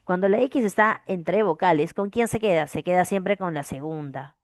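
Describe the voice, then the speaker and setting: A woman teaches a grammar lesson in a slightly low voice. She repeats each rule several times and keeps checking that her students follow along. The recording is dry and close. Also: moderate pace, no echo. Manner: repeats key phrases, asks frequent "¿de acuerdo?". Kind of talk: classroom language lesson.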